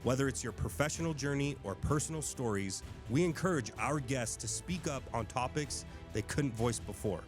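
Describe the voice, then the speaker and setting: A man reads a scripted podcast intro in a smooth, promotional way. His voice sits at a middle pitch. A loud music bed plays under him. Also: lively intonation, moderate pace, few pauses. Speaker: podcast host.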